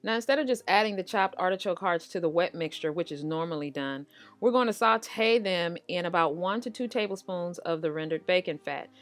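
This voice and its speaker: With a fairly low voice and a slightly fast pace, an American woman narrates a recipe on her cooking show, addressing viewers conversationally and casually. Background music accompanies her.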